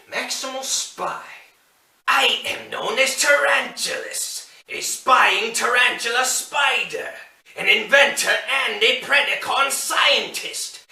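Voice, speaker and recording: A man's voice: high voice, gravelly, bright, forceful tone, full character voice. A man doing a cartoon villain impression of a sly, secretive spider robot scientist, reciting in rhyme. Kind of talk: theatrical character poem recital. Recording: roomy echo, distant mic.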